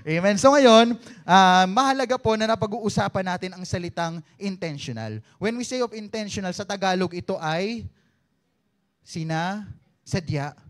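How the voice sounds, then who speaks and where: A man's voice: high-pitched, lively intonation, normal speed. A young man with a Filipino accent preaching a Sunday sermon in a chatty way, often asking "no?" and prompting the congregation.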